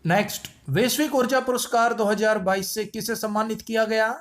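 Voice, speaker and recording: High-voiced playful man teaching quiz tricks. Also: steady tone, fairly quick. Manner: playful wordplay, repeats lines. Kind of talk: memory-trick quiz lesson.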